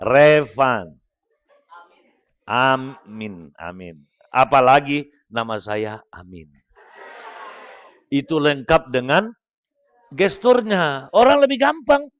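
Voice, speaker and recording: Animated man giving a joking talk. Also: mid-range voice, slow, pauses often. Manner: joking, coaching audience members one by one. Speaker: motivational speaker. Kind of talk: lively religious motivational talk to a group.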